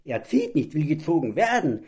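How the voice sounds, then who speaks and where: A man's voice: on the high side, big pitch swings, normal speed, a little mellow, husky, pitched above the performer's own voice. A man voicing a boisterous young boy in a children's storybook reading, cheeky and exclaiming. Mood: indignant.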